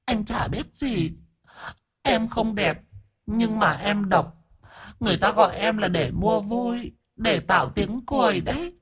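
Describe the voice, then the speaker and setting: Whiny bald ghost, high and tearful. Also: male voice, unhurried, fairly bright tone, slightly rough, heavily acted. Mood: plaintive. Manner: plaintive, sniffling, complaining. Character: whiny effeminate bald male ghost, sharp-tongued.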